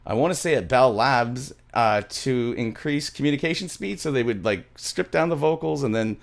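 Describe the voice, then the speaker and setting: Gravelly, medium-pitched and moderately paced, a middle-aged man chats through a casual music production tutorial over screen share. His delivery is rambling, enthusiastic and full of self-interruptions, captured close on a studio mic in a small home studio while he wears headphones.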